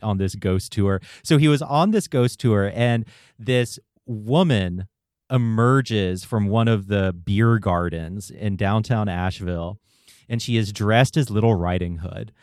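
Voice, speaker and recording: Man, podcast host, casual storyteller, fairly low voice, dry sound. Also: measured pace, darkish tone, no room sound. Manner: chatty storytelling, swears casually. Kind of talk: casual interview chat.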